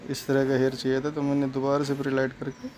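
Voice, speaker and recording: A man's voice: mid-range voice, completely flat delivery, fast talker, a little mellow, a little hiss or hum. A man talking through a hair coloring job step by step in a plain, explanatory way. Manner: plain, explanatory, repeats steps. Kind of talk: step-by-step salon tutorial narration.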